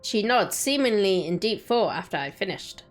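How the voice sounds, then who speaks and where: A woman streamer reads a story aloud in a dramatic narrating style, dropping in casual chat asides. Her medium-pitched voice is animated and moves at a normal speed. Quiet background music plays under her voice.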